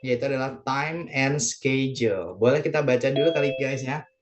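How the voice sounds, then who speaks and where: A man's voice: medium pitch, moderate pace, dull audio, over music. A man with an Indonesian accent teaching an online English lesson, patiently repeating each point and translating it phrase by phrase.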